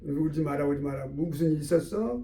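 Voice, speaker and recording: A gentle father murmurs comfort in a low, warm hush, as a lecturer acts him out. The voice is a little gravelly. It sounds like an echoey room, with the mic some way off. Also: brisk. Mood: tender. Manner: soft, hushed and tender. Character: loving, gentle father comforting his son.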